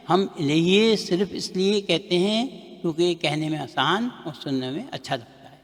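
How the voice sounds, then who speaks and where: A man teaching Arabic grammar in a recorded lecture, explaining in a measured way and loudly chanting word lists in a steady rhythm. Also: a little high, long reverb tail. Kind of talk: recorded lecture with recitation drills.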